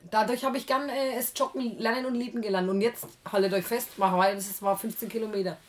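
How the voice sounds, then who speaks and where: A woman's voice: a little high, fairly even intonation, fast talker, slight background noise. A woman co-hosting a podcast in casual chat, blunt and crude. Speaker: podcast co-host.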